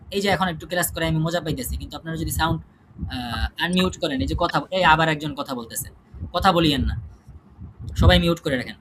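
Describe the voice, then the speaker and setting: High-voiced man drilling tajweed terms. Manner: repetitive drilling, rhetorical questions to students. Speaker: tajweed teacher. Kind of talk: online class lecture. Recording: noisy online class audio.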